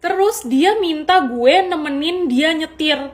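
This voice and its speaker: Picture a young woman telling a story on a casual podcast. Her voice sits a little high. She talks in slang and retells everything with animated, dramatic flair. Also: slow.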